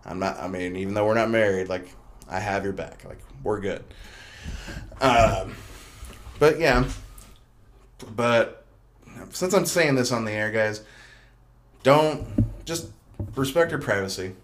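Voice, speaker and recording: Young man, podcast host, low voice, rambling casual talk, lots of fillers and restarts. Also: measured pace, long pauses. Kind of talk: casual solo podcast monologue.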